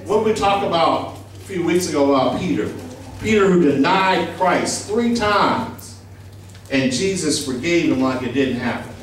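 A man's voice: fairly high pitch, animated, measured pace, slight background noise. A middle-aged man, preaching a sermon into a handheld mic, emphatic and conversational, asking the congregation questions. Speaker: pastor. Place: small church sanctuary. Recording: echoey church from a distant camera.

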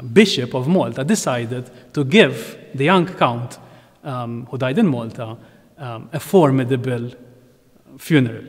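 A man, giving an animated lecture at a lectern, with frequent ums and restarts. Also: medium pitch. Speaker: researcher and curator giving a talk. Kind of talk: lecture on art history. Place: ornate church interior at a lectern. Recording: long reverb of a large church hall.

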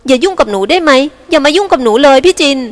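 A woman's voice: high voice, expressive, quick pace, big-room sound, voice pushed up. A woman voicing a sulky, hot-tempered younger sister who snaps back resentfully, in an audiobook. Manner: snapping, resentful.

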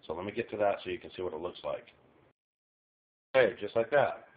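This home cook, a middle-aged man with a low-sitting voice, speaks animatedly and fairly quickly as he walks viewers through a recipe. He films overhead one-handed in his small kitchen, chatting in a folksy way, and the sound is tinny and phone-like.

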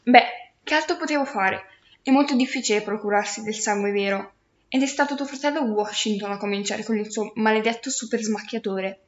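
A woman's voice: a little high, fairly quick, close to an everyday voice. A woman voicing a centuries-old aristocratic male ghost who is self-pitying and haughty, in a storybook reading. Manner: whining, wounded pride. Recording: roomy, dull lo-fi recording.

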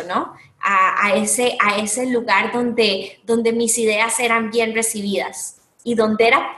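Her voice sits on the high side with a bit of brightness as this woman, a guest entrepreneur from Costa Rica, takes interview questions on a video call. She's earnest, frequently restarting sentences and using fillers, and the home room sounds echoey through the webcam.

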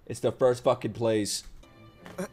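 A man's voice: medium pitch, fairly even intonation, a little slow, a little mellow, breathy edge, soft background music. A young man hosting casual, unscripted reaction videos, talking in slangy, swear-filled language into a close mic. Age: young adult. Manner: profane, slangy. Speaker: host of anime reaction videos. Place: home living room with open kitchen. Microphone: close microphone on boom arm.

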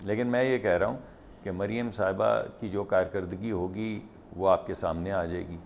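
Gravelly man arguing over a muffled link. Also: deep voice, steady tone, moderate pace. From Pakistan. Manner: insistent, argues point by point. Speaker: political panelist. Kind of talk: heated political debate. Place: remote studio link. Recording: muffled remote link with faint noise.

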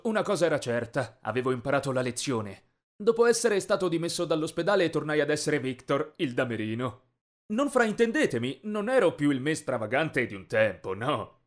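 A man narrating a teen story in the first person, expressive and dramatic. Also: a little high.

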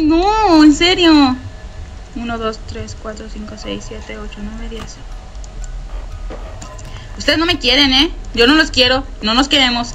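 A woman's voice: high voice, sharp tone, slight background noise, low-quality recording. A young Mexican woman with a Mexican Spanish accent, doing frightened horror game commentary full of swearing, nervous laughter and shrieks. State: scared and shaky. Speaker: gameplay streamer.

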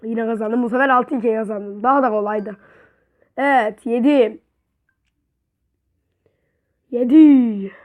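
A young woman giving excited, trash-talking commentary over her own gameplay. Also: a little high, fairly quick. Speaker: gaming YouTuber.

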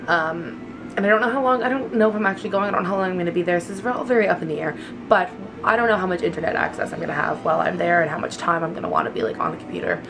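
A woman in her twenties vlogs casually, rambling to her viewers while holding the camera at arm's length. Her voice is lowish, with background noise.

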